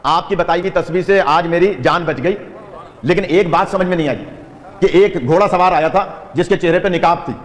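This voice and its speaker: A man's voice: high voice, lightly acted. A man voicing a frightened, pious male traveler inside his sermon, pleading and earnest. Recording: long hall reverb.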